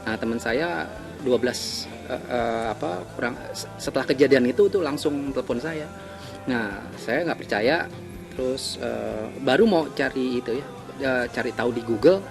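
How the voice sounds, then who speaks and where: Man, hesitant, filler-heavy, mid pitch, music behind. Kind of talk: recounting in an interview. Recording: music bed under the voice.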